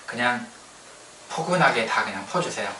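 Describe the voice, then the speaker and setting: A man preaching a sermon as a pastor, in a lively, colloquial way, sometimes acting out what people say. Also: medium pitch, moderate pace, a little hiss or hum. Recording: roomy hall sound, distant mic, faint ambience.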